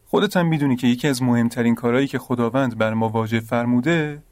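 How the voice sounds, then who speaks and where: A young man playing an earnest roommate who patiently explains religious rules, gently exasperated. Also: medium pitch, no room sound, lightly acted. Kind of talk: radio drama acting.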